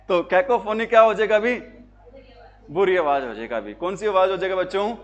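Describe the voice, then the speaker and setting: A man's voice: high voice, animated, fairly quick. A male teacher giving an exam-prep lesson to students, asking questions and answering them himself in a call-and-response way, with jokes and anecdotes. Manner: jokey, tells anecdotes.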